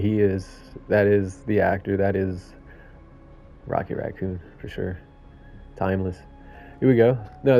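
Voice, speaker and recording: Gravelly, chatty male game streamer. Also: fairly low pitch, warm tone. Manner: rambling, chatty, laughs at himself. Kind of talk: casual gameplay commentary. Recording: muffled lo-fi audio, faint game music.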